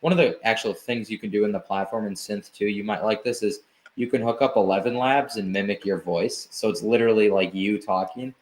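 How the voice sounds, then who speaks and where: A man who founded an agency, a podcast guest explaining his work in relaxed casual chat, with many fillers. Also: lowish voice, a little fast.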